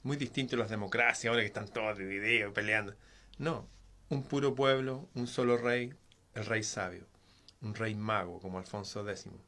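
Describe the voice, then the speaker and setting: A man's voice: on the low side, fairly even intonation, normal speed, sharp tone. A man telling a folk tale in a casual, conversational way, with frequent asides and digressions. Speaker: storyteller. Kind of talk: casual oral storytelling.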